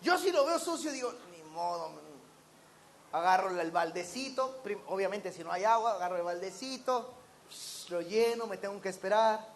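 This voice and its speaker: A man with a high, light voice delivers a sermon to his congregation. He keeps the room engaged with rhetorical questions and acts out the voices of the people he quotes, over a faint hum of background noise. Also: expressive, a little fast. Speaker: preacher.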